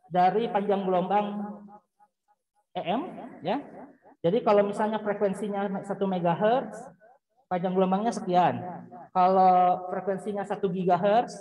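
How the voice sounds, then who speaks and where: A man giving a university physics lecture, explaining patiently, often pausing with fillers and searching for words. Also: sits high, lo-fi sound. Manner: patient explaining, checking in with frequent "ya".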